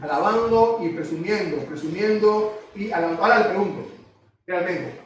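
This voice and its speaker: A man preaches in a church hall, teaching patiently and putting questions to his listeners. His voice is high. It rings with heavy echo and comes from some distance off the mic, with a faint room hum behind. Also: moderate pace. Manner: teaching, asks the congregation questions. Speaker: pastor. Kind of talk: sermon.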